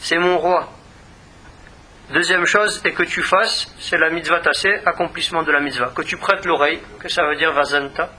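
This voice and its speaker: Male rabbi type, earnest teaching voice, very bright timbre, broadcast feel. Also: fairly high pitch, fairly even intonation, moderate pace. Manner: earnest, repeats words when searching. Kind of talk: religious lesson.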